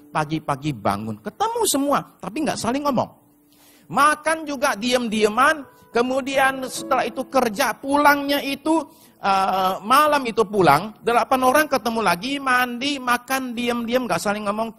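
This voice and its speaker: A man preaching a sermon as pastor, telling stories and addressing the congregation directly, sometimes shouting in put-on voices. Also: sits high.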